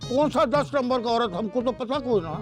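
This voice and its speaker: Brief: wisecracking middle-aged husband, soft music under. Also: male voice, extremely high pitch, animated, moderate pace. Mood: teasing. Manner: teasing, jokey. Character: joking middle-aged husband Badruddin, neighborhood fixer. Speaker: actor. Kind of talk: TV drama acting.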